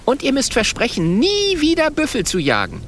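A man's voice: huge pitch swings, normal speed, slight background noise, exaggerated voice. A man voicing a brave, eager young girl archer who speaks firmly. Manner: high, firm and bright.

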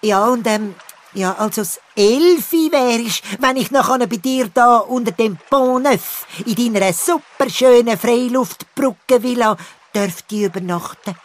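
In a children's audio play, a woman voices a cheerful, excitable little male bird, speaking with a Swiss German accent and giggling often. Her pitch is fairly high, her pace a little slow, and she stays close to her everyday voice.

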